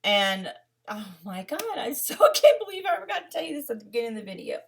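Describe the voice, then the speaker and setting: A woman's voice: a little high, sing-song, fast, vocal fry, slightly rough. A woman in her thirties telling her own story in a casual vlog, rambling and candid, with many fillers and restarts. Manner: rambling and candid, with frequent fillers and self-corrections. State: emotional, near tears. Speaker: vlogger.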